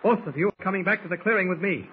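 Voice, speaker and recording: An actor playing an unflinching government agent hero in an old radio serial, speaking with firm, clipped defiance. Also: male voice, high-pitched, racing, close to an everyday voice. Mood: commanding. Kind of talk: 1940s radio serial acting. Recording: muffled, hissy old radio recording.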